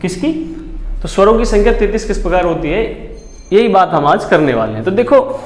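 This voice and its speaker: A man's voice: sits high, expressive, a little fast. A male teacher giving an exam-prep lesson, asking the class questions, answering them himself and repeating key words. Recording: echoey room with long reverb.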